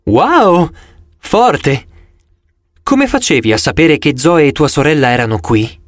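A man's voice: a little high, very animated, takes it slowly, dry recording, studio quality. A man voicing an eager, awkward young boy in an audiobook. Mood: excited.

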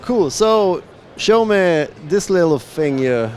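A man's voice: high voice, expressive, takes it slowly, a little mellow. A man in his thirties asking casual, brief questions as interviewer at a busy trade fair hall, holding a handheld mic. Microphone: handheld mic with windscreen.

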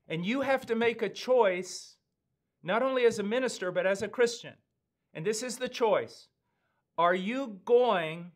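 A man in his fifties with an American accent, preaching a sermon in a slow, earnest, emphatic way with weighty pauses, seated in a studio. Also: high-pitched, fairly bright tone. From United States. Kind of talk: sermon teaching. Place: studio with dark backdrop, indoors.

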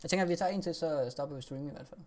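Relaxed streamer running the games. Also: medium pitch, slight background noise. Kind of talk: casual live-stream chat.

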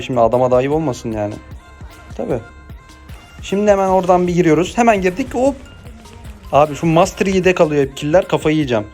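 A young man commentating his own mobile game match, chatty in his asides and excitable in the play-by-play. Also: mid-range voice. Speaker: gameplay streamer. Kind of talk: live gameplay commentary.

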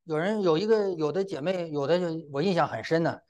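A man's voice: on the high side, brisk, a little mellow. A middle-aged man preaching a sermon and telling a personal testimony. He speaks to the congregation directly and often breaks in with exclamations.

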